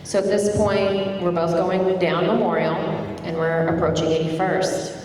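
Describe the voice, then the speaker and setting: Slightly slow and low-pitched, a middle-aged woman shares a personal story in a hall as a speaker at a community dialogue event. She comes from Tulsa, Oklahoma, and grew up speaking Turkish; her tone is conversational, animated as she relives events. The echoey recording uses a distant mic and carries faint background noise.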